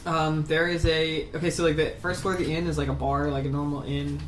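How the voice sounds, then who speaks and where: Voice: medium pitch, flat delivery, fairly quick. A game master narrating a tabletop game in a rambling way full of "like" and "um". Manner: rambling, filler-heavy description. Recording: roomy echo with faint hum.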